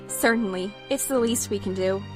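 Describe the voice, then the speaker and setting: An actress playing a kind, regal pony princess with a gentle but firm manner in an audio drama. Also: female voice, mid-range voice, unhurried, over music, natural voice. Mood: tender, gracious. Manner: gentle, gracious.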